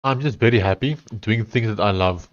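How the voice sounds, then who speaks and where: A man's voice: on the low side, a little fast, lo-fi sound. A man with an Afrikaans South African accent and a blocked nose, chatting casually on a livestream as he works. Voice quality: congested, blocked-nose sound. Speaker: live streamer. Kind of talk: casual livestream chat while coding.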